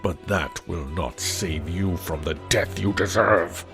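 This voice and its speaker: A frightful, furious beast growls out his threats, voiced by a man. The voice sits extremely low and gravelly, slow and grim. Music plays behind. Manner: slow, menacing, deep growl.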